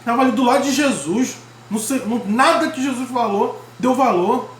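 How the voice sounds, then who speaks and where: Brazilian male preacher, informal slangy sermon, animated retelling, roomy echo. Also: very high-pitched, moderate pace, slight background noise. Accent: Brazilian Portuguese. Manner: slangy, animated, acts out quoted speech.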